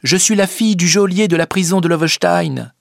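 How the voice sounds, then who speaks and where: A man voicing an earnest young peasant girl in a storybook reading, speaking in a high, strained voice. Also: a little fast, gravelly, no echo, clean studio sound.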